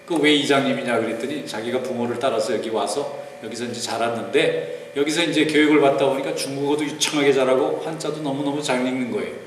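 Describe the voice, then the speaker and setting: Korean pastor preaching in a reverberant hall. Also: male voice, mid-range voice, fast talker. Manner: conversational storytelling, folksy asides. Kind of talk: sermon. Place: large church sanctuary. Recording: roomy church hall reverb with faint noise.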